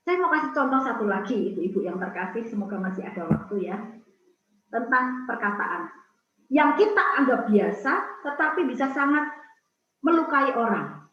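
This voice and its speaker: A middle-aged woman from Indonesia tells lively stories to a women's prayer group, slipping into the voices of the people she quotes. Her voice sits high. The video-call audio is muffled and heavily echoey. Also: moderate pace. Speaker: speaker at a prayer community's Zoom talk.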